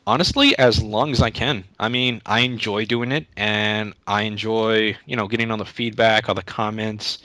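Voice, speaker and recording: A man's voice: fairly low pitch, level tone, normal speed, few pauses, pushed and bright, no room sound. A young man answering interview questions in a casual, rambling way, often restarting his sentences. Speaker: YouTube Let's Play creator, interview guest.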